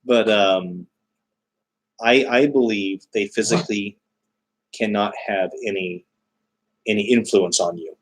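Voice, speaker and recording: Guy on a livestream just chatting, kinda low voice, real slow, stops n starts a lot. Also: rough recording. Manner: halting, pausing, searching for words. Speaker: livestream host. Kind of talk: casual live chat explaining spiritual beliefs.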